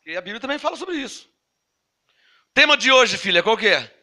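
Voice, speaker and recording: A man preaching a sermon as pastor, leading his congregation through Bible verses, asking them to repeat after him and drawing out key words slowly between quick asides. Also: very high-pitched, animated, pushed and bright. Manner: teaching, asks congregation to repeat and read along; slow emphatic stress on key words, then quick asides.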